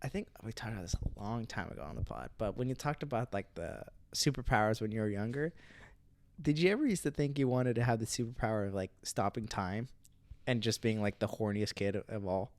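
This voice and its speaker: A man's voice: lowish voice, lively intonation, brisk, a little mellow, no room sound. Young man, podcast co-host; loose, rambling delivery full of fillers, recorded dry and close. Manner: rambling, laughs often, many fillers. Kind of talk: casual chat.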